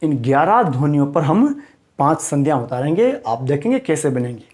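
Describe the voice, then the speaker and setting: A man's voice: fairly high pitch, big pitch swings, normal speed, a little mellow. A man teaching a grammar lesson to students, quizzing them and repeating key words to stress pronunciation.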